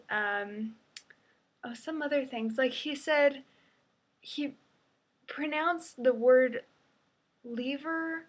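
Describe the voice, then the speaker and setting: A young woman talking casually in a video diary at home, hesitant with many ums and small self-conscious laughs. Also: on the high side. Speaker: vlogger.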